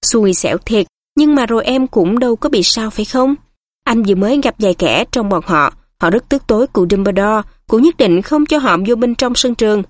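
A pompous, portly middle-aged minister, read by a woman, speaks gruffly with cloying familiarity. The voice sits fairly high, and the sound is dry and close. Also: animated, moderate pace, no echo.

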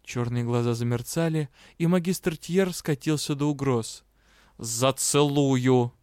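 A man narrating a fantasy audiobook with an even, clear reading. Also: on the high side, moderate pace, no echo, clean studio sound.

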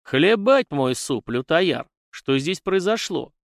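A man's voice: mid-range voice, brisk, fairly bright tone, dry recording, clean studio sound, natural voice. A man voicing a burly, blunt guard in an audiobook, talking in a hearty, blustering way. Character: burly blunt male guard, club in hand.

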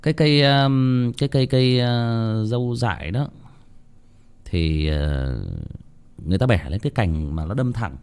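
A man's voice: mid-range voice, unhurried, darkish tone, clear, resonant tone. A man telling a ghost story in a casual, rambling way, with many restarts and repeated words, speaking straight to his listeners.

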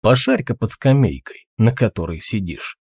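A seasoned hunter, dry and laconic, as a man reads him. His teasing lines swing up and down in pitch. The voice is husky and close. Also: lively intonation, normal speed, a little mellow, no echo, exaggerated voice. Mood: wry.

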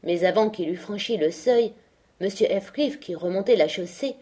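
A woman's voice: normal speed, dark tone, slightly rough. A woman reading a classic novel aloud as scripted narration, raising her voice for the quoted speech. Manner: lifts her pitch and volume for quoted speech. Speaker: audiobook reader.

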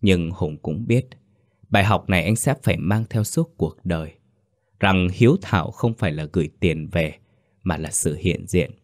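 A man narrating a written story in a slow, solemn way. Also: deep voice, dry recording, studio quality. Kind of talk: scripted ghost-story narration.

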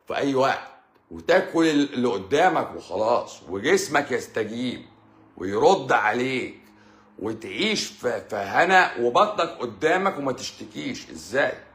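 A man's voice: medium pitch, fairly bright tone, echoey room. A man with an Egyptian Arabic accent hosts a live stream as a doctor, answering viewer questions in a blunt, teasing, lecturing way.

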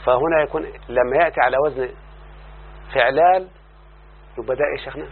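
A husky, medium-pitched male voice with an Egyptian accent teaches Arabic morphology from a classical text. He repeatedly asks his student if he follows, slowly drawing out word forms as he pronounces them, over a tinny phone-like connection with faint hum.

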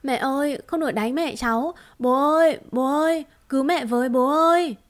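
A woman voicing a frightened little boy who cries and pleads for his parents in a high, wailing voice. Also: normal speed, lightly acted. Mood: crying for help.

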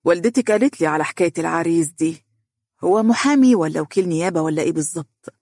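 A man playing a calm, measured middle-aged father with an Egyptian accent. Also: a little high, no room sound, studio quality, natural voice. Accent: Egyptian Arabic.

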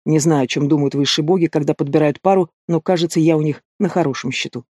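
A man voicing a male demon prince who speaks in an even, cool, teasing way, read as an audiobook character. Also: a little high, quick pace, no room sound, clean studio sound, close to an everyday voice. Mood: smug. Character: calm mocking demon prince, male adult.

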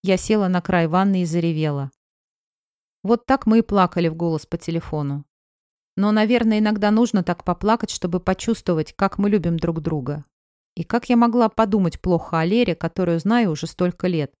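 A woman's voice: lowish voice, brisk, darkish tone, clean tone, no echo, clean studio sound. A woman narrating a first-person audiobook in a conversational storytelling manner.

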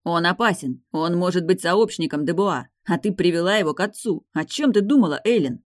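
A woman reading an audiobook, voicing a tense, protective young man who presses his point forcefully. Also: lowish voice, animated, brisk, dry recording, studio quality, lightly acted. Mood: angry.

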